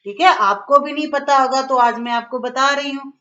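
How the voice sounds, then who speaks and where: A woman teacher explains a lesson to children in a coaxing tone, often checking that they follow along. Her voice is on the high side, and the recording sounds dull and lo-fi. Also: moderate pace, sharp tone, slight background noise. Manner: coaxing, keeps asking "okay?".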